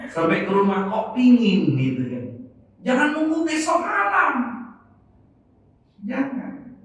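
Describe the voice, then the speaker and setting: A man's voice: very high-pitched, huge pitch swings, slow pace, fairly bright tone. A man, preaching a playful sermon in a mosque and quizzing the congregation. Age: 50s. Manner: playful, question-and-answer with congregation. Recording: echoey mosque from far off, faint noise.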